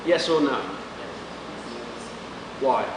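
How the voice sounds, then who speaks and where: With drawn-out words and a mid-range voice, a Manchester-accented teacher from England quizzes his English class using short, simple sentences. The mic is distant, so the classroom sounds echoey and carries a background hiss.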